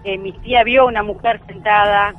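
A woman's voice: mid-range voice, steady tone, moderate pace, phone-quality sound, soft background music. A woman with an Argentine accent telling a true ghost story as a guest, earnest and emphatic, repeating key phrases. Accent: Argentine Spanish.

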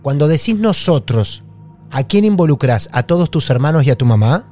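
Brief: Argentine male host, higher voice, quick to exclaim, faint music behind. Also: very animated, dark tone. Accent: Argentine, Rioplatense. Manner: enthusiastic, reacting with short exclamations. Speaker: podcast host. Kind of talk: interview.

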